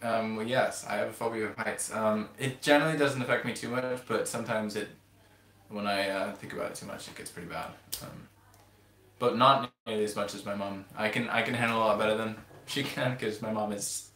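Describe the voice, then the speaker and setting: A man's voice: on the low side, brisk, fairly bright tone. A young man hosting a casual live stream, rambling and hesitant, with lots of ums. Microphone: camera-mounted mic. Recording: roomy home recording with faint hiss.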